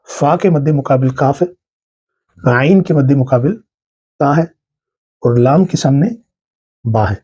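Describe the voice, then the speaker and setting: Patient male grammar teacher, husky voice. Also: mid-range voice, dark tone. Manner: patient, asks and answers his own questions; mixes in English terms. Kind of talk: grammar lesson.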